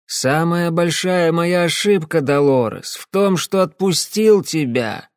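A man voicing a drunk, belligerent middle-aged man who whines and shouts into a phone. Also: a little high, animated, unhurried, dry recording, clean studio sound, pitched above the performer's own voice. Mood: maudlin. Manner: shouting, slurring, whining.

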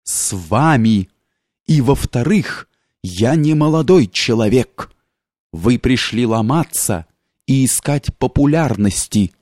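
A man voicing a drunk young journalist who bellows angry accusations in a low, thunderous voice. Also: animated, slow pace, a little mellow, dry recording, clean studio sound. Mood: furious. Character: drunk, sullen young male journalist, furious.

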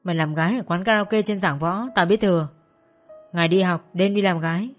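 A woman's voice: lowish voice, brisk, faint music behind, natural voice. A woman voicing a jealous young woman who screams vicious insults in a brawl, in a narrated audio story. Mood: screaming abuse.

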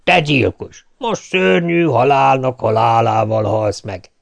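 A man voicing the furious male king of the devils in a storybook reading, with slow, menacing shouting. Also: medium pitch, gravelly.

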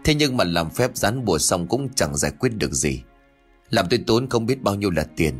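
A man's voice: lowish voice, very animated, fairly quick, husky, faint music behind, pitched above the performer's own voice. A man voicing an anxious, grumbling old village father in a raised voice.

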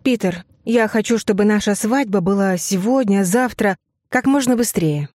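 A nervous, hurried young woman, as a male narrator puts her on in an audiobook. The voice is pushed well above his own and chatters on breathlessly. The recording is dry and close. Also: high-pitched, darkish tone, dry recording, voice pushed up, close to an everyday voice. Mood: flustered. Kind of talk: audiobook character voice.

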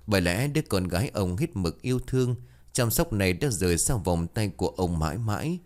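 A man tells a ghost story with a solemn, expressive delivery. His voice is low yet lively, rising and falling with the drama of the tale. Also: brisk.

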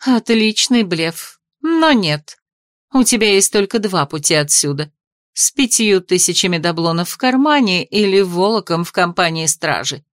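A woman's voice: on the low side, expressive, moderate pace, no echo, studio quality, natural voice. A woman voicing an imperious, scornful noblewoman and future mother-in-law in an audiobook. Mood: dismissive.

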